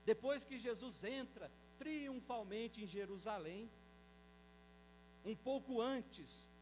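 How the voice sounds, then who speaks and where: High-voiced Brazilian priest preaching. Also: male voice, darkish tone, slight background noise, rough recording. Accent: Brazilian Portuguese. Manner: slows down to read scripture aloud, tells folksy jokes. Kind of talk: Sunday homily.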